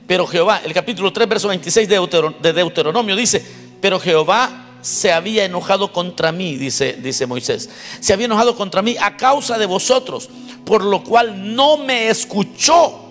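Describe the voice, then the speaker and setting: A man's voice: high-pitched, lively intonation, moderate pace, a bit bright. Man, preacher, emphatic sermon delivery, rhetorical questions, faint music behind. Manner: emphatic, asks the congregation questions. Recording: long hall reverb with faint music.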